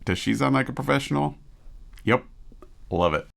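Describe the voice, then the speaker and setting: A man's voice: mid-range voice, lively intonation, normal speed, vocal fry. A man working as a vocal coach, reacting to a performance with casual, enthusiastic teaching commentary and frequent rhetorical questions.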